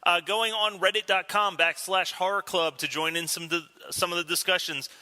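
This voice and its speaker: Bright-voiced man with roomy reverb. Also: sits high, fairly even intonation, normal speed. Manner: laughing, loose sign-off patter. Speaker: podcast host. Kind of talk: casual chat.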